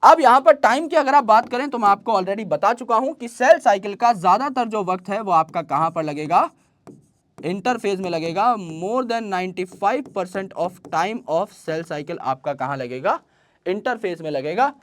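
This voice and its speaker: A male teacher giving an online biology lesson, who mixes English terms into his Hindi explanation, asks questions and answers them himself, and slows down to dictate definitions. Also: high voice, expressive, a bit bright. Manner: uses folksy everyday comparisons.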